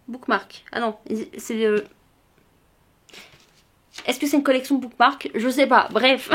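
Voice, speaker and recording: Gushing high-voiced young woman book vlogger. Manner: gushing, exclaims often, many fillers and restarts. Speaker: booktuber vlogging a book haul. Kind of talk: casual chat.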